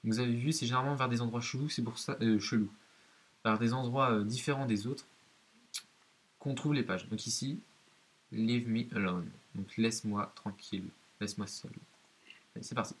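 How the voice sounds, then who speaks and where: A man's voice: mid-range voice, fairly even intonation, a little fast, slightly rough. A man giving hesitant, explanatory let's-play commentary of a horror game, talking directly to his viewers. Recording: hissy home recording.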